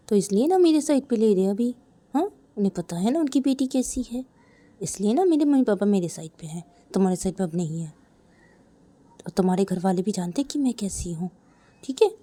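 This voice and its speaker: A woman voicing a defiant, sharp-tongued young woman who scolds and bosses. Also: fairly high pitch, lively intonation, brisk, voice pushed up, natural voice. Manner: bossy, scolding.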